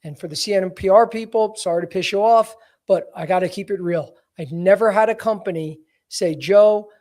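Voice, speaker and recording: A man in his forties with a notably high voice, hosting a casual career-advice podcast. He talks bluntly and emphatically and keeps it real, with frequent "you know" fillers. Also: moderate pace, a little mellow. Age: 40s. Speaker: podcast host, career coach.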